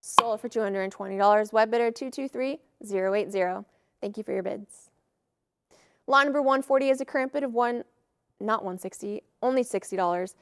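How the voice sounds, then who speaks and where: A woman auctioneer calling bids in a live auction with brisk, formulaic patter. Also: mid-range voice, fairly bright tone, clean tone, dry recording.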